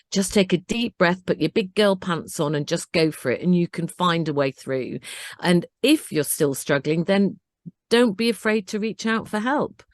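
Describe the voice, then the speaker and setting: A woman's voice: lowish voice, no echo. Earnest older woman telling her story. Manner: earnest, animated storytelling with acted-out self-talk. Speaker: interview guest. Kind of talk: conversational interview.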